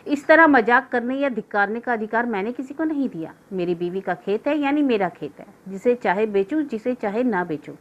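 A woman's voice: on the high side, lively intonation, brisk, few pauses, close to an everyday voice. A woman voicing a stubborn, defensive middle-aged village man in a story reading. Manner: defensive, dismissive retorts. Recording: dull lo-fi recording.

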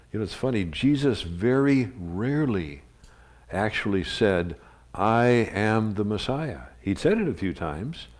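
Low-voiced man preaching a conversational sermon. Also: darkish tone. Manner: conversational storytelling with asides and chuckles. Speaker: pastor. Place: church sanctuary. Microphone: livestream recording of a live service.

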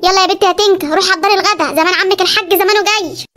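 Someone doing a bossy high-pitched Egyptian mother. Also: steady tone, racing, pushed and bright. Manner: scolding, self-pitying nagging. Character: bossy middle-aged mother, newly remarried bride.

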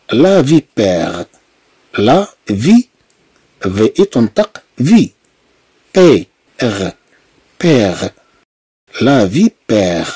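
A man with a Moroccan Arabic accent teaching a French lesson, patiently repeating words slowly and explaining them step by step. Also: medium pitch, dark tone, slightly rough, no room sound. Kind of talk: language lesson with pronunciation drills.

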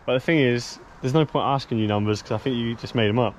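A man's voice: medium pitch, fast talker, over loud music. A young man hosting a vlog, teasing and asking questions into a handheld camera in a back garden gym. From England. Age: young adult. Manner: teasing, laughs often. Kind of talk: casual vlog chat. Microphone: handheld camera, selfie framing.

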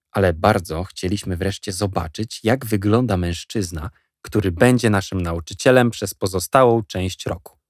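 A man with a low voice reads an audiobook in a measured, expressive way, his pitch moving a lot. He is recorded close on a studio mic with a very dry sound. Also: no room sound. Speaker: audiobook reader. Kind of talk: scripted narration.

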